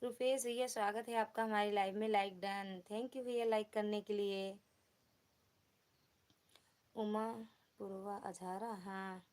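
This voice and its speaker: A woman with an Awadhi accent hosting a casual live stream, chattily greeting viewers by name and humming song snatches into a phone. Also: mid-range voice. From Uttar Pradesh, India.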